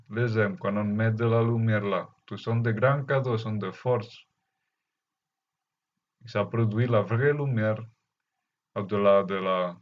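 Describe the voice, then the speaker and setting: A man with a foreign Spanish or Catalan accent, speaking halting non-native French as he gives an unscripted spiritual message, often searching for words. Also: on the low side. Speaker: spiritual teacher. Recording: dull, lo-fi muffled sound.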